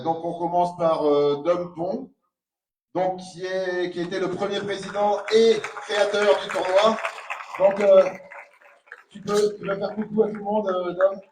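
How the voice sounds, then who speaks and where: A man gives a welcome speech at an event, speaking very slowly and haltingly. His voice is recorded from a distance in an echoey hall with faint background noise. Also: high-pitched. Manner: slow, halting, many fillers. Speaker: co-president of the tournament.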